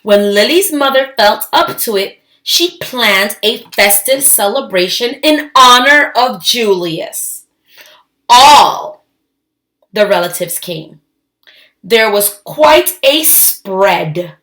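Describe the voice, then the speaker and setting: Lady reading a kids book out loud, slow n expressive, medium pitch, echoey room. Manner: expressive, emphatic. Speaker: read-aloud storyteller. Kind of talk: children's storybook read-aloud with asides. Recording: echoey, roomy sound.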